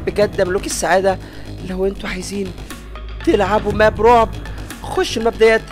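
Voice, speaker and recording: An Egyptian-accented man gives rapid, excitable let's-play commentary. He gets jumpy and keeps addressing his viewers. Clear game music plays underneath. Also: sits high. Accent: Egyptian Arabic. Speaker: gaming YouTuber.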